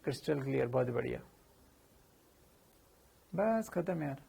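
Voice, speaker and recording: A man's voice: mid-range voice, expressive, a little slow, creaky, dark tone, breathy edge. A man teaching physics in a chatty, informal lecture, asking questions and answering them himself. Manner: addresses students familiarly, slips in slang.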